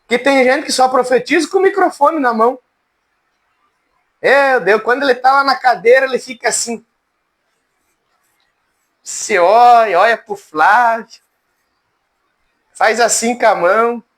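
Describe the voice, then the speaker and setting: A man's voice: a little slow, long pauses, fairly bright tone. A man teaching an informal Bible class, folksy and humorous, calling on his students by name. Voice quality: high, cracked voice. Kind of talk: informal church class lecture.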